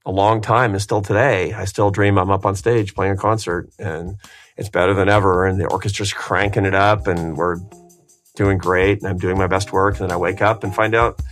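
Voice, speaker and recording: A man's voice: sits low, flat delivery, normal speed, fairly bright tone, soft background music. A man in his fifties co-hosting a podcast, talking in a candid, wry and emphatic way. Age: 50s. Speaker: podcast co-host. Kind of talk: conversational podcast interview.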